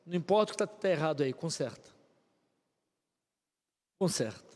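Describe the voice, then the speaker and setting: Brazilian male pastor, emphatic sermon, high voice, reverberant church hall. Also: racing, darkish tone. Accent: Brazilian Portuguese. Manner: emphatic preaching with repeated short commands. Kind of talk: live-streamed sermon. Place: church sanctuary.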